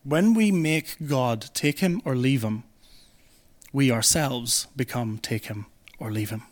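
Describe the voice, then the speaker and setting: A man preaching a sermon, emphatic and repeating his key phrases, shifting between hushed and forceful delivery. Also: medium pitch, takes it slowly.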